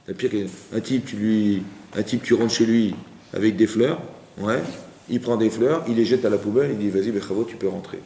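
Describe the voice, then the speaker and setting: A man, a rabbi teaching a Torah class to an audience, animated, asking questions and acting out little everyday scenes. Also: fairly low pitch. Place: community center hall. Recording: echoey hall with faint noise.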